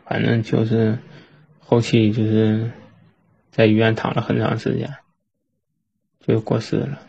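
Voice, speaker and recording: A man with a Northeastern Mandarin accent, recalling a family memory in a halting, repetitive way with frequent restarts. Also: fairly low pitch, completely flat delivery, creaky, dark tone, slightly rough. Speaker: storyteller. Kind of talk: personal reminiscence monologue. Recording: dull lo-fi recording.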